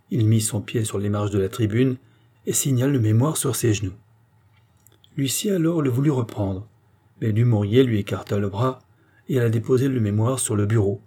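Male audiobook reader, mellow husky tone, measured classic-novel narration. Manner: measured storytelling, lifting pitch for quoted voices.

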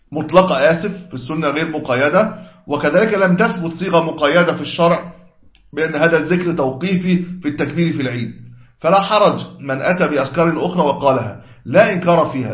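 A man teaching a religious law lesson, explaining step by step and correcting his own wording as he goes, on a dull, echoey lo-fi recording. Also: fairly high pitch. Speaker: sheikh teaching Islamic law. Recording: echoey room, dull lo-fi sound.

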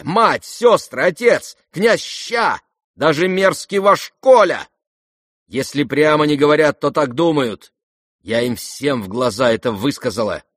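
A man's voice: medium pitch, no room sound, clean studio sound, natural voice. Man voicing a proud, prickly young noblewoman. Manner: sharp, indignant. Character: proud irritable young noblewoman, sheltered and impulsive.

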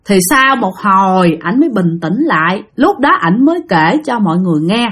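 A woman with a Southern Vietnamese accent telling a ghost story in a lively, dramatic way, speaking straight to her listeners. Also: medium pitch, normal speed, slightly rough.

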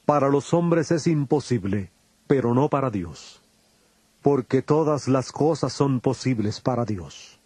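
An actor playing Jesus as a grave, patient teacher in a dramatized audio Bible, speaking in a solemn, measured way. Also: male voice, mid-range voice, expressive, warm tone, breathy edge, dry recording. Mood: solemn assurance. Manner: solemn, deliberate, measured delivery.

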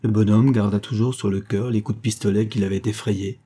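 Male audiobook narrator, measured and steady; low, husky voice. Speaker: audiobook reader. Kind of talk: scripted narration.

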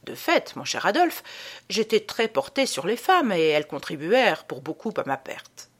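A woman's voice: medium pitch, sing-song, moderate pace, breathy edge. A woman reading a jaunty Parisian storyteller. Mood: amused. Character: Parisian man telling a roguish tale. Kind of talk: audiobook reading.

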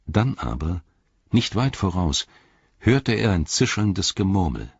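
Brief: low-voiced male audiobook narrator, breathy, dry close sound. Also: very animated, no room sound, muffled recording. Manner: measured storytelling. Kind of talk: scripted narration.

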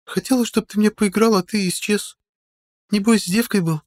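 A man reading an audiobook, voicing a spoiled, pushy young rich girl in a high girlish falsetto with a pouting, wheedling manner. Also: fairly even intonation, moderate pace, natural voice. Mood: sulky. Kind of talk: audiobook character voice.

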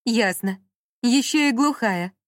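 A woman's voice: on the high side, expressive, slow, dry recording, clean studio sound, pitched above the performer's own voice. A woman doing a snide rude smart-speaker assistant.

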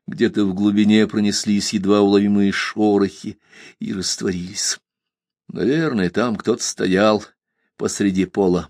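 A man narrating an audiobook in an expressive, dramatic reading style. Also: fairly low pitch, no echo, studio quality.

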